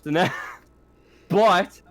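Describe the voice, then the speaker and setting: A high-voiced man runs a tabletop roleplaying game as game master, narrating and ruling casually and haltingly while repeating himself. A crowd can be heard behind him.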